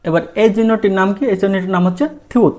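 A man's voice: sits high, steady tone, rapid-fire, darkish tone. A male language teacher giving a lesson, asking questions and answering them himself. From Bangladesh. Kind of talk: lesson in Bengali.

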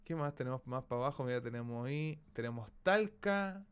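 A man with a Chilean accent giving live gameplay commentary as a streamer, excitable, exclaiming and swearing casually. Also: mid-range voice, brisk, clear, resonant tone.

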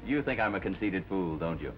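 An actor playing a young, self-mocking wartime flying lieutenant with a wry, self-deprecating manner, in early talkie film sound. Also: male voice, sits low, lively intonation, brisk. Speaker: pilot. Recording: dull 1930 film soundtrack, faint music.

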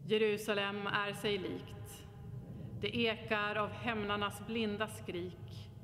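A woman giving a solemn liturgical reading in slow, measured declamation. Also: mid-range voice, level tone, background noise. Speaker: reader. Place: large stone cathedral. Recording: long cathedral reverb.

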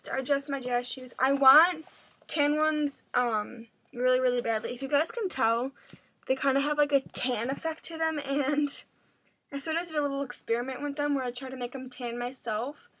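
A woman's voice: high-pitched, normal speed, sharp tone. A teenage girl chatting casually in a home video, rambling with lots of fillers, a little out of breath. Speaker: vlogger. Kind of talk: casual vlog showing her dance bag.

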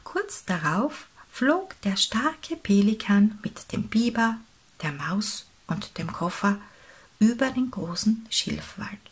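A woman reading a picture book aloud for young children, softly and slowly, often close to a whisper. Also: medium pitch, expressive, husky. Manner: soft, slow, near-whispered reading. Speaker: storybook reader.

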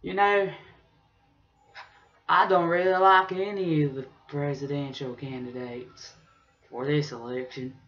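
A man's voice: on the high side, fairly even intonation, unhurried, long pauses, a bit bright. A young man playing a rambling, opinionated redneck vlogger with a rural drawl. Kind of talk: casual vlog rambling in character. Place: small bedroom, indoors. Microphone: webcam or laptop mic at arm's length. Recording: dull lo-fi webcam sound.

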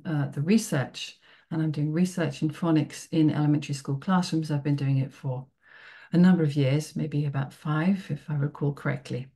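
A middle-aged British woman from the United Kingdom, with a deep, mellow voice, runs an online workshop for teachers. She is friendly and encouraging, often checking in with "okay?". It is recorded over a video call microphone.

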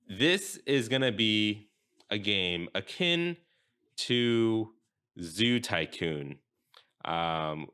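A young man hosts a casual podcast from a desk microphone, rambling and halting with plenty of fillers. His voice is low and bright with a clear, smooth tone, and he takes his time. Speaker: podcast host.

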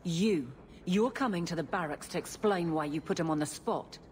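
Woman voicing a no-nonsense lady guard captain in a game, lowish voice, bit of room noise. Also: lightly acted. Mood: exasperated. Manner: brisk, commanding, awkward in romance. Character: stern female guard captain, flustered. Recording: game audio with faint ambient noise.

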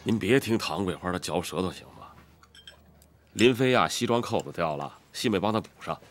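Casting: a mild young husband, lowish voice, lively pitch, family drama. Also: male voice, brisk. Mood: easygoing.

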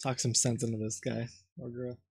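A young man chats casually to his livestream, muttering half to himself in a low-key way. His voice is close and dry on the mic. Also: level tone, moderate pace, darkish tone, husky, dry recording. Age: young adult. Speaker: live streamer. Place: small room at home.

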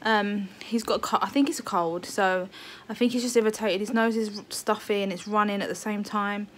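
A woman's voice: mid-range voice, fairly even intonation, brisk. A pregnant woman, chatting casually to camera in a family vlog, hesitant and full of ums. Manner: rambling, hesitant, lots of ums. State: heavily pregnant, uncomfortable. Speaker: vlogger. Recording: faint background noise.

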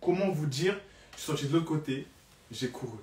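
A man's voice: a little high, lively intonation, fairly quick, a little mellow, slight background noise. Dramatic young man telling a story, roomy and distant. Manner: dramatic, repeats phrases for emphasis. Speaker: live streamer telling a story. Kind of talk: animated storytelling.

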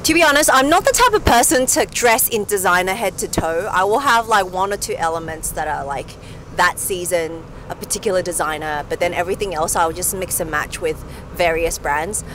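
A woman's voice: fairly low pitch, expressive, a little fast, a bit bright, low-quality recording. A woman in her thirties chatting in an upbeat way while riding in an open-top car, recorded by a camera in the car. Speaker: vlog co-host. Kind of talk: casual chat. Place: open-top car outdoors on city streets. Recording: traffic and wind noise.

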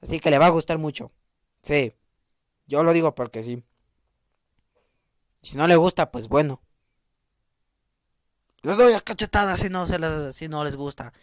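A man's voice: on the high side, measured pace, pauses often, dry recording, clean studio sound. A young man narrating a comedic game video in a goofy way, swearing and joking. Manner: goofy, swears and yelps for laughs. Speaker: gaming video creator.

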